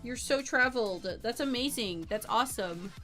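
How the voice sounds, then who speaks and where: A woman chats casually with stream viewers as she draws, bubbly and rambling, giggling and repeating herself often. Her fairly high, slightly bright voice has lively intonation and normal speed, with faint music behind.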